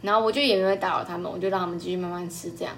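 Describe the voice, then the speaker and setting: A woman's voice: on the low side, fairly even intonation, racing, fairly bright tone, slight background noise. A young woman from Taiwan, hosting a podcast and chatting casually, telling a story and acting out the customers' lines. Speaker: podcast host.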